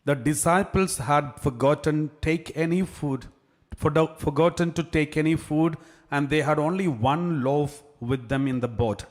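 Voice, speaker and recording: Priest with cathedral echo. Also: male voice, fairly high pitch. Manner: measured and earnest, with frequent restarts. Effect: cathedral echo, long church reverb. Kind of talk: gospel reading and homily. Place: large church. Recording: long hall reverb in a church.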